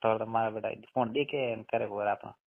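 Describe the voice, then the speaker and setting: A phone caller with a western Rajasthani Marwari accent talks casually on a private call, his fairly low voice steady and a little fast. The audio is the tinny sound of a telephone line.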